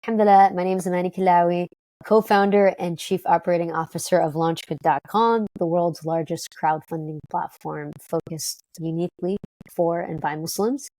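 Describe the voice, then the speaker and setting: A woman from Detroit, talking as an interview guest in an upbeat, quick way with many fillers and restarts. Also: fairly low pitch, fairly even intonation, dark tone, no echo. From Detroit, United States. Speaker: guest, company co-founder. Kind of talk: conversational interview.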